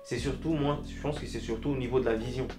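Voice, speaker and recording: A man from Togo, a guest musician, talking casually and hesitantly, often pausing with fillers. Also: medium pitch, fairly even intonation, music in the background. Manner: hesitant, fills with "euh" and "tu vois". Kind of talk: casual interview chat.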